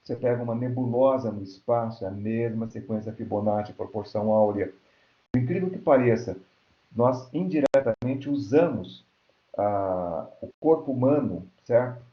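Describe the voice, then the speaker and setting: A man's voice: medium pitch, normal speed. A Brazilian man giving an academic lecture, explaining step by step and often checking in with "right?". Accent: Brazilian Portuguese. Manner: explanatory, frequent checking tags like "né?" and "certo?". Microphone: computer mic on an online lecture platform. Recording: roomy, dull lo-fi online call audio.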